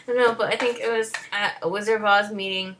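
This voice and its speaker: A woman's voice: mid-range voice, steady tone, fast, a bit bright, slight background noise. A teenage girl chatting casually with a friend, rambling with lots of "like"s and giggling often. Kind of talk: casual chat.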